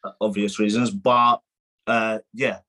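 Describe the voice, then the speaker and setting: Halting man in his twenties. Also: on the low side, flat delivery, sharp tone. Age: 20s. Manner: halting, many restarts and fillers. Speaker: guest, boxer. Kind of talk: casual podcast chat.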